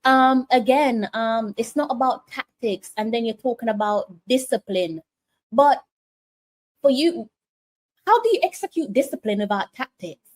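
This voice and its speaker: A woman's voice: fairly high pitch, lively intonation, unhurried, dry recording. A woman hosting a live stream, talking casually and directly to her viewers.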